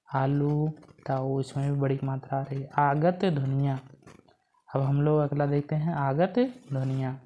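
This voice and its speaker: A woman teaches an exam-prep grammar lesson in a low, dark-toned voice. She keeps asking the class questions and answering them herself. She repeats each key point so it sticks.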